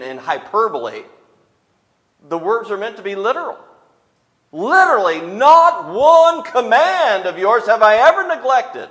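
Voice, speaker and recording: A man's voice: medium pitch, vocal fry, fairly bright tone, in a large hall. A male preacher giving a sermon emphatically, often tagging his points with rhetorical questions.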